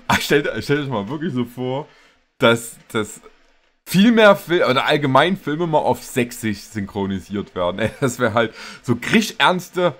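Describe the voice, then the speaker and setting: East German guy reacting to a clip, giggly, chatty, mid pitch. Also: lively intonation, a little slow, fairly bright tone, soft background music. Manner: laughs often, repeats words, chatty. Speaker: YouTuber reacting to a video. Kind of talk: casual reaction commentary.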